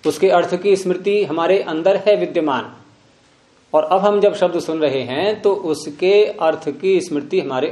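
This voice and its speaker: A man's voice: high-pitched, warm tone, reverberant. A man teaching philosophy to a class, often prompting students with questions. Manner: questioning, repeatedly prompting with "hmm?". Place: room with students present.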